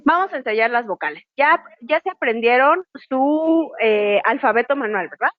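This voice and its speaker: A woman teaches sign language online, calmly spelling out letters one at a time. Her voice sits a little high. The sound is dry and muffled, like lo-fi video call audio. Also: normal speed, dry recording. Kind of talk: online class instruction. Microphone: video call microphone.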